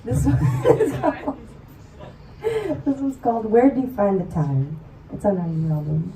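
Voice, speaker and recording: A woman's voice: mid-range voice, lively intonation, a little hiss or hum. A woman musician singing and bantering playfully between songs at a live venue. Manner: playful, unhurried. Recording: echoey live venue from far off. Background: loud live guitar.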